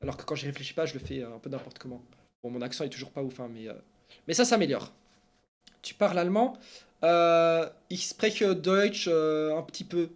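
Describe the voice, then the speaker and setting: Man, slightly high voice, animated live-stream chatter, lots of fillers. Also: fairly quick. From Belgium. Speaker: esports news streamer. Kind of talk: casual live-stream chat answering viewers.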